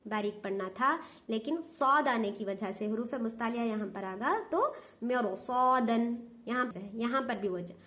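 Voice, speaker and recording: A woman's voice: sits high, a bit bright. A woman with a Dakhni Urdu accent teaching tajweed and explaining patiently, asking questions and answering them herself. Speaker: Quran recitation teacher. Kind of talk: tajweed lesson.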